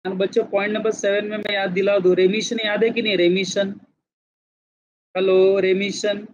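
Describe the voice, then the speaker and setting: Alternating Hindi and English, a man with a rather high voice teaches in lecture fashion, frequently asking whether the class is with him. He talks fast in a level tone, and the classroom audio is somewhat dull and lo-fi.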